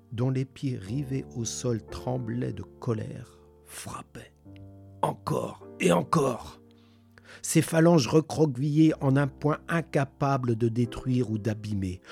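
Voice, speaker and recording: A man reading a novel aloud as a measured, deliberate narrator. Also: medium pitch, mellow. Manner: slow, measured storytelling. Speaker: reader.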